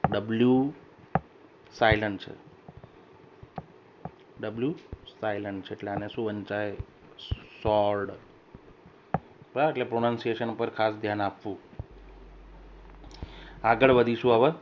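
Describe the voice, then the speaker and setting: A male teacher giving an English vocabulary lesson, reading each example sentence slowly and louder, then explaining it and checking that students follow. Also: lowish voice, fairly even intonation. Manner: keeps checking understanding with short questions. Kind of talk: recorded classroom lesson. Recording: dull lo-fi voice recorder with faint hiss.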